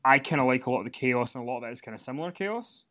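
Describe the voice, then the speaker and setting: Racing along in a pushed, bright, animated voice of medium pitch, this man co-hosts a wrestling podcast from a hotel room. His casual recap chat rambles, packed with fillers and restarts.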